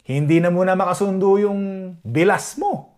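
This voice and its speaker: A Filipino vlogger based in Edmonton, Canada, chats casually with his viewers, frequently tossing in "di ba?" to see if they agree. His voice sits high, with a darkish tone and an unhurried pace.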